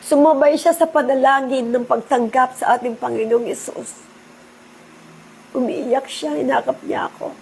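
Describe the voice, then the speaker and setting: A woman's voice: high-pitched, fairly even intonation, normal speed, vocal fry, darkish tone, slight background noise. A middle-aged woman, giving a personal testimony in an earnest, preachy and emotional way. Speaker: insurance agent sharing testimony.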